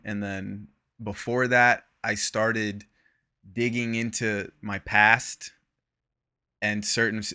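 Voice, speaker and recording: A young man with a bright, forceful voice, chatting as a podcast co-host. He talks in a laid-back, slangy way, laughing easily and trailing off mid-thought. His voice sits a little low for a man. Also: clear, resonant tone. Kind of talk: casual chat.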